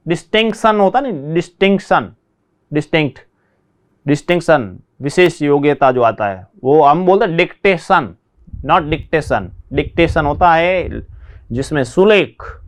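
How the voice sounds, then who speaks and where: Clear-voiced man teaching vocabulary. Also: fairly high pitch. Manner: repeats word pairs slowly, switches between English and Hindi. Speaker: English teacher. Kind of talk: classroom vocabulary lesson.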